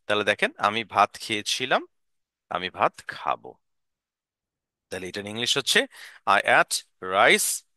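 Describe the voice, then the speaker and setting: A man teaching an English lesson, drilling short sentences and asking learners to repeat after him. His pitch swings widely as he talks, and the tone is very bright. The sound is dry, close to the mic. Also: no echo.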